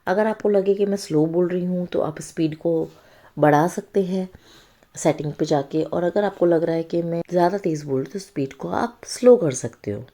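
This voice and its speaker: A woman with a low, mellow voice walks young children through a reading worksheet. She speaks slowly and patiently, naming each word and checking in with the children often. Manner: slow, patient explaining with frequent check-ins. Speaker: teacher.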